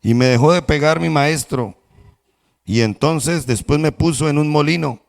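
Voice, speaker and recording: A man's voice: on the high side, moderate pace, gravelly, pitched above the performer's own voice. A man preaching a sermon who voices a female clay cup that begs its maker to stop hurting it. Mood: complaining. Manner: pleading, complaining, breathless begging. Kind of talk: sermon storytelling. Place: church.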